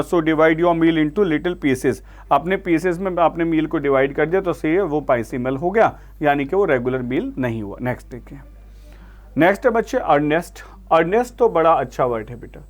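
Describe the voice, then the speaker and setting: An Indian man teaching an online vocabulary lesson, calling students "beta" and reading English examples slowly before explaining them. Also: a little high.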